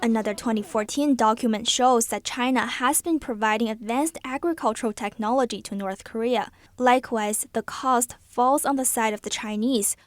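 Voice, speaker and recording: Female reporter, scripted news voice-over, on the high side, no room echo.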